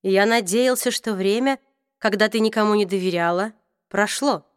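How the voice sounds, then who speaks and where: A woman reading an audiobook, voicing a calm, steady man who speaks in a measured way. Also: medium pitch, clear, resonant tone, no room sound, clean studio sound, lightly acted.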